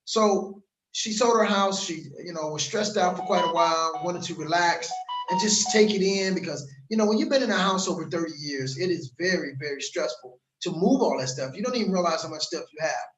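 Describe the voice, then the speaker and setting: High-voiced man giving a hard-sell vlog. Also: brisk, roomy sound, music in the background, low-quality recording. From Los Angeles. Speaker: crypto course promoter. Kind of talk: casual vlog pitch. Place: outdoors in a warm place.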